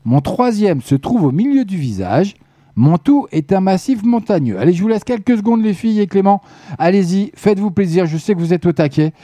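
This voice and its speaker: A man hosting a live evening radio show, chatty and joking with listeners, his voice going hoarse. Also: sits high, lively intonation, brisk, warm tone, no echo. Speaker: radio host. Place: radio studio.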